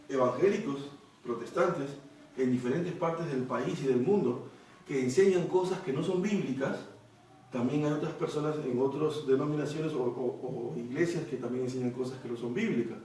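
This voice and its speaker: A man's voice: a little high, normal speed, mellow, recorded from a distance, slight background noise. Man preaching in an echoey room. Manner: explains verses with frequent rhetorical "¿no?" checks. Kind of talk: Bible study sermon.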